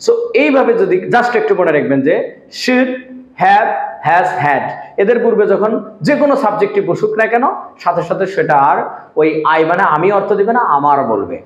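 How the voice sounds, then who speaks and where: Male teacher, high voice, drills points with repeated questions; roomy, muffled lo-fi recording. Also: lively intonation, moderate pace. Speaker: English teacher. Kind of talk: spoken-language lesson. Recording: echoey room, dull lo-fi sound.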